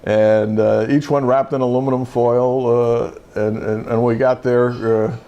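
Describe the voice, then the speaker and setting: A man's voice: medium pitch, flat delivery, unhurried, warm tone, dull audio. An older man, a retired judge and show host, telling a rambling story in casual chat with many fillers and restarts.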